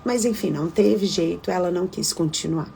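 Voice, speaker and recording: A woman's voice: on the low side, brisk, gravelly, dark tone, slight background noise, poor audio. A woman teacher telling a heartfelt personal story to a women's devotional group, talking casually and expressively and often addressing her listeners directly. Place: home.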